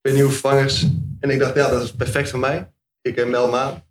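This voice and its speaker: A man's voice: medium pitch, flat delivery, fast, soft background music. A man from Friesland, a guest on a podcast, chatting in a friendly way and admitting he was nervous. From Friesland, Netherlands. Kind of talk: casual podcast chat.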